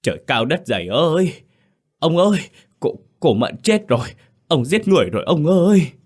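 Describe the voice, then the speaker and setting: A man's voice: fairly high pitch, sing-song, moderate pace, a little mellow, slightly rough, voice pushed up. A man voicing a frightened young male servant who stammers and shrieks in panic. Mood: panicked.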